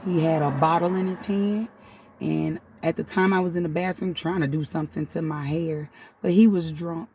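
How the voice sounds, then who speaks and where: Husky, flat-voiced woman close to tears. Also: sits low, normal speed, recorded from a distance. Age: 30s. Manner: casual and heartfelt, often addresses viewers as "y'all". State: holding back tears. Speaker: spiritual channel host. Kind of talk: personal confessional vlog.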